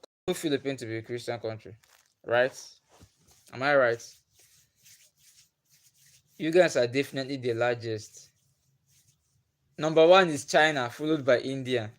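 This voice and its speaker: A young Nigerian man whose native language is Igbo hosts a livestream, chatting casually with viewers, laughing often, and asking them questions. His medium-pitched voice is a little slow with long pauses, recorded on a phone or webcam.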